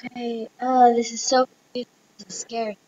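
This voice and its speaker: A woman's voice: fairly high pitch, flat delivery, normal speed, darkish tone, dull audio. A woman giving casual, playful commentary while playing dress-up games at a computer. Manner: giggly, playful, chatty. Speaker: gameplay vlogger.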